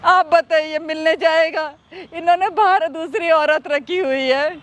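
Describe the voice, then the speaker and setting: A woman's voice: very high voice, fairly even intonation, unhurried. A woman acting as an upset young wife who pleads with her husband and insists again and again, in an amateur skit. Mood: tearful complaint. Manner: tearful, insistent repetition.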